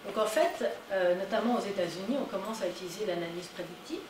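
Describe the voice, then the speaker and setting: Woman speaker at a conference, animated, echoey room. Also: mid-range voice, quick pace. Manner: animated, rising emphasis on key points. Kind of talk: public conference talk. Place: conference hall. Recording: echoey hall, distant mic, noisy.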